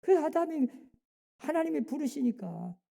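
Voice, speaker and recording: A woman's voice: high voice, big pitch swings, moderate pace, vocal fry, warm tone. Woman preaching in a reverberant church. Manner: emphatic preaching with rhetorical questions and interjected "예?". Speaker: pastor. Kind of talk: sermon. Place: church sanctuary. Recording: long hall reverb in a church.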